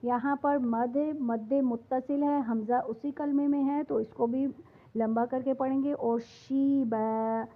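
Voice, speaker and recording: A woman with a Pakistani Urdu accent explains Quran recitation rules quickly, then slows into long, chanted examples. Her voice sits fairly high. The sound is tinny and thin, like a phone line. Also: steady tone. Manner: drawn-out chanted recitation between brisk explanations. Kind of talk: tajweed lesson with slow recited examples.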